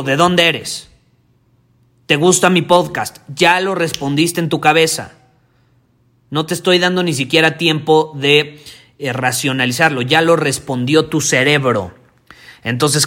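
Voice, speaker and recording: Mexican male podcast host, young adult, slightly high voice, lively coaching monologue full of acted-out examples. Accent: Mexican Spanish. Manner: animated, acts out example dialogues. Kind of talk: casual monologue coaching listeners.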